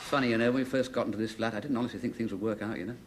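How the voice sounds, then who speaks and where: An actor playing a cheerful, excitable husband, chatty and quickly flustered, in 1970s sitcom style. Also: male voice, medium pitch, slight background noise, natural voice. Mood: relaxed.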